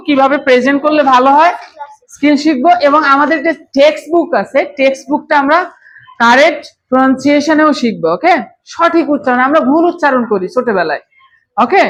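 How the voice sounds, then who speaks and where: A woman's voice: sits high, slight background noise, low-quality recording. A woman with a Bangladeshi accent teaching a children's spoken English class, coaxing the room and checking "okay?" again and again. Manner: coaxing, repeats "okay?" often, mixes Bengali and English.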